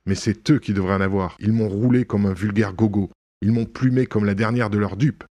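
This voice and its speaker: A man doing a suave young gentleman burglar, proud and sharply ironic, his low, husky voice jumping higher when stung. It is an audiobook reading with theatrical bursts of indignation. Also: steady tone, a little fast. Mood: indignant. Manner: indignant outbursts, mocking irony.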